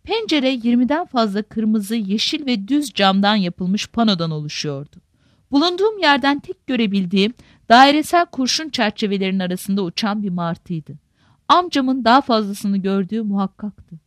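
A woman narrating a novel in a measured, literary manner. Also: medium pitch, lively intonation, dry recording, studio quality. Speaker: audiobook narrator.

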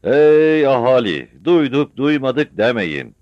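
A man voicing Kambur Ahmet, a hunchbacked town crier who shouts out slow, drawn-out proclamations. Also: mid-range voice, big pitch swings, no echo, muffled recording, pitched above the performer's own voice. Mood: proclaiming.

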